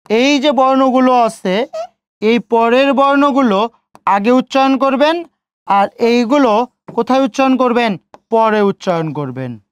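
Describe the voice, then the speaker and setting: A male teacher giving an exam-prep lecture, repeating key points slowly and asking questions that he answers himself. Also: very high voice, clean tone. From Bangladesh. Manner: asks students rhetorical questions and answers them himself.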